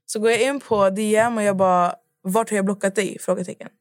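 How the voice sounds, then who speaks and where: A woman's voice: medium pitch, steady tone, no echo. A young woman co-hosting a casual podcast chat, telling a story animatedly and acting out both sides of a conversation. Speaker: podcast co-host.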